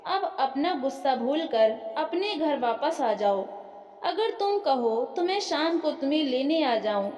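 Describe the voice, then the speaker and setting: A woman's voice: high-pitched, lively intonation, measured pace, darkish tone, faint music behind. A woman voicing a frustrated young husband who pleads and reproaches, read in an echoey room. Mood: reproachful. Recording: echoey room with long reverb.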